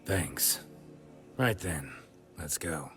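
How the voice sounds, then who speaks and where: A gruff, tired hunter of monsters in a game, with a very deep voice and terse, muttered delivery. Clear music plays under his lines. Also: expressive, drawn-out words, fairly bright tone, full character voice. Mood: dry. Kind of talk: video game dialogue.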